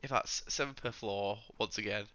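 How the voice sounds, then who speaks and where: A man, hoarse and croaky from being ill, chatting casually as he plays and talks to his viewers. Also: fairly low pitch, normal speed, bright, forceful tone, muffled recording, a little hiss or hum. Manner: chatty, rambling, talks to viewers and to game characters. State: hoarse from illness. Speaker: gaming channel host. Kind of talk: casual gameplay commentary.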